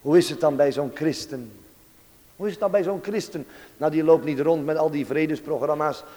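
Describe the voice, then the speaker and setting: A man preaching a sermon, swinging between hushed tenderness and rising fervor. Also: fairly high pitch, moderate pace. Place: church. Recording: long reverb of a church hall.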